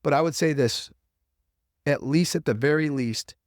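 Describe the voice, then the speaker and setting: A man with a fairly high voice and moderate pace hosts a casual podcast, recorded clean in a studio with no echo. He rambles off on tangents and fills his speech with "like" and "you know."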